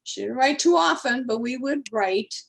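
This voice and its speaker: A woman's voice: a little high, lively intonation, normal speed, gravelly. A woman, a guest telling rambling stories in casual conversation. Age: 80s. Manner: chatty, rambling storyteller.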